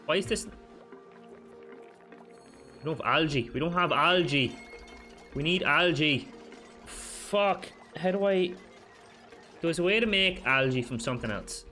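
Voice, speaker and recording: A man giving let's play commentary as a gaming channel host, frantic and swearing, talking to himself and his viewers, his pitch jumping up sharply whenever he panics. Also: unhurried, long pauses, bright, forceful tone, faint music behind.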